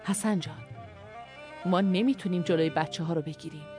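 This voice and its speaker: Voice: medium pitch, over music, close to an everyday voice. Storyteller doing a weary male commander, pleading, emotional, audio story, faint violin behind. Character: grieving war commander, man, weary and pleading.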